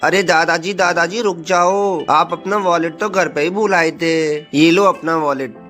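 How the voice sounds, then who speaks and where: A man's voice: a little high, fairly even intonation, a little slow, fairly bright tone, soft background music, pitched above the performer's own voice. A man voicing an eager, innocent little schoolboy in a comic skit. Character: cheeky little schoolboy Dhaniya.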